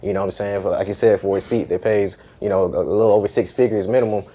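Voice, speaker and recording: A young man in his twenties from Atlanta talks quickly on a panel. His voice is dark and low, with a flat, even tone. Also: slightly rough. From west side of Atlanta. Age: 20s. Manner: quick, chatty, says "you know what I'm saying". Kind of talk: panel discussion.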